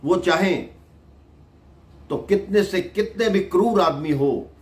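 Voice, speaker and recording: A male devotional storyteller narrating a moral tale. He speaks slowly and deliberately, leaving pauses between short phrases, in a voice a little higher than most men's. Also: a little mellow, roomy sound.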